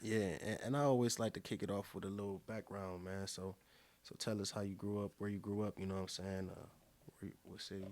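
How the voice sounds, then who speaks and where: A man in his twenties hosting a podcast, talking in a relaxed, reflective way and tagging lines with "you know what I'm saying". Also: fairly low pitch, fast talker. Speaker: podcast host. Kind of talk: casual chat.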